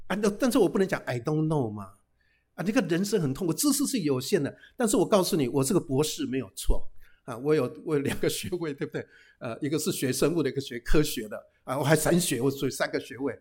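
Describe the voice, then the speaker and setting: A middle-aged pastor with a slightly husky, raised voice preaches with a playful, storytelling touch. He tells anecdotes in a lively way, dropping casual tag particles and quick English phrases into his sermon. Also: fairly high pitch. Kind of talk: humorous sermon.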